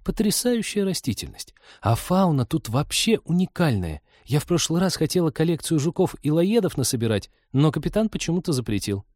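Brief: male reader playing a bubbly young woman scientist, high and lively. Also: a little fast, hardly any pauses, dry recording, clean studio sound. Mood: enthusiastic. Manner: excited, gushing. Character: eager young woman zoologist, bug-obsessed.

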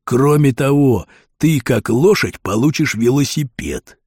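A man voicing a sly, heavyset male petty crook who talks in a slow, drawn-out, conspiratorial way, with a husky voice. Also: mid-range voice, lively intonation, a little mellow, dry recording, clean studio sound.

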